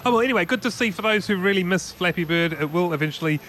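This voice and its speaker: Guy cohosting a tech podcast, higher voice, loose rambly chat with little laughs. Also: very fast, a bit bright, slight background noise. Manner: chatty, rambling with restarts and laughs. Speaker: podcast co-host. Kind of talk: casual tech news chat.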